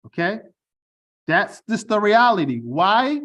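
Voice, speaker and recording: Over a video call, a middle-aged man from Baltimore gives an online information session slowly, his high, fairly bright voice moving through big pitch swings. The accent is General American, mildly Baltimore. He addresses listeners directly and conversationally, regularly pausing on "okay?" and "all right?".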